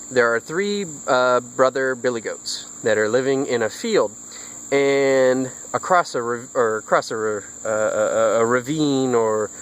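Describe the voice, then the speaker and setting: A man's voice: medium pitch, a little hiss or hum, rough recording. Rambling man telling a story outdoors. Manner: rambling, with false starts. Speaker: vlogger. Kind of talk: casual storytelling vlog. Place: outdoors in a backyard.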